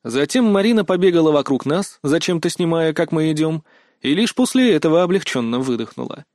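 Man with a fairly high voice narrating an audiobook. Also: lively intonation, a little fast, a little mellow, no room sound, studio quality. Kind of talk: first-person fantasy audiobook narration.

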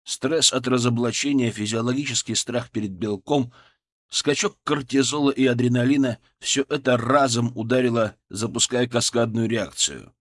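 A man's voice: medium pitch, fairly even intonation, moderate pace, a bit bright. A man reading a first-person audiobook with dramatic, tense storytelling. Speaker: audiobook narrator. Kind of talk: first-person scripted narration.

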